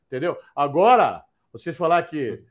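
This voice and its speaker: Older guy, calling in over video, furious and stammering, a high voice. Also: very animated, normal speed. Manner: angry, cursing, stammering. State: nervous. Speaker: viewer on a video call. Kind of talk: heated call-in rant.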